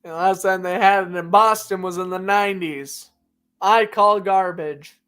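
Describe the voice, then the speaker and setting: A man's voice: high-pitched, level tone, moderate pace, pushed and bright, clear, resonant tone. A man hosting a sports show, calling hockey play-by-play and chatting casually with filler words and restarts.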